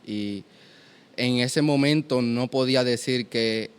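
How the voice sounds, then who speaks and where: A man in his twenties giving an earnest, halting testimony in a conversation. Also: medium pitch, smooth. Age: 20s. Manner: earnest, storytelling with many restarts. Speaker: guest.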